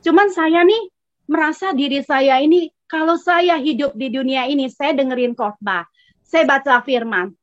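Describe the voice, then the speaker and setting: A woman's voice: sits high, normal speed, dry recording, highs cut off. A woman from a church gathering telling a testimony in a chatty way, acting out both sides of a conversation. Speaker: congregation member giving testimony. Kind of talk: casual storytelling testimony.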